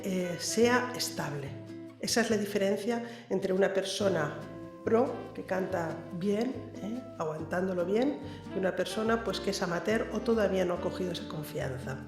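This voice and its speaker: A woman teaching a singing lesson, speaking emphatically and directly to the viewer with frequent "¿eh?". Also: medium pitch. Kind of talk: vocal coaching lesson to camera. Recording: echoey room with faint background music.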